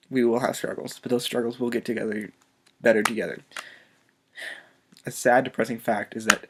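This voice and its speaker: A man vlogger speaking softly and earnestly in an emotional personal video message, halting as he fights back tears. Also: medium pitch. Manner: soft-spoken.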